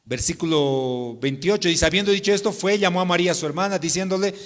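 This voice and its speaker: A man preaching a sermon to his congregation, swinging between loud declarations and hushed pleas. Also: high-pitched, fairly quick. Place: church sanctuary. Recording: long church reverb.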